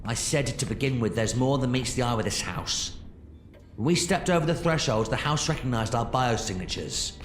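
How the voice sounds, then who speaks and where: A man's voice: mid-range voice, animated, normal speed, natural voice. A man playing an eccentric, theatrical time traveller in an audio drama, swinging between grave and playful. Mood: intense, knowing. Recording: roomy echo with music underneath.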